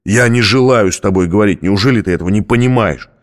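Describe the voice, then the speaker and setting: A man's voice: on the low side, fast talker, close to an everyday voice. A man reading an audiobook, voicing a desperate, irritable man who pleads and snaps. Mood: furious. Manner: snapping, pleading, muttering.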